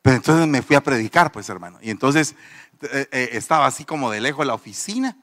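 A man's voice: medium pitch, animated, fairly quick, a bit bright, long reverb tail. A man, a pastor, giving a testimony sermon, telling the story with animation and acting out the people in it.

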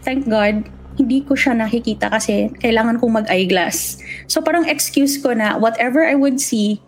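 Woman, young adult, storytelling, animated delivery, slightly high voice. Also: normal speed, low-quality recording. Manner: animated, acts out quoted voices. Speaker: guest telling a ghost story. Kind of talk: casual storytelling in Taglish.

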